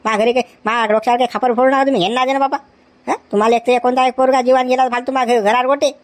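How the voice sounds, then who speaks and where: A woman plays an excitable middle-aged village uncle. The talk is very fast and scolding in a high voice. It sounds flustered and keeps demanding "huh?". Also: natural voice.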